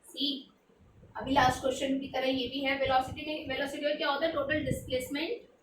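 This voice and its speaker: A high-voiced woman walks through a physics problem, posing questions and answering them herself, with English terms mixed into her Hindi. She sits back from the mic in an echoey room, with faint noise behind her. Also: level tone, brisk, recorded from a distance. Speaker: tutor. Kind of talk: explaining a textbook physics problem.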